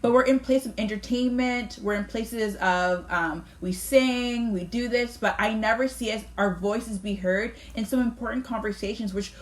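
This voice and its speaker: A woman's voice: fairly high pitch, moderate pace, few pauses. A Canadian woman, a pastor, talking earnestly in a discussion and asking rhetorical questions. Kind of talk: conversational discussion.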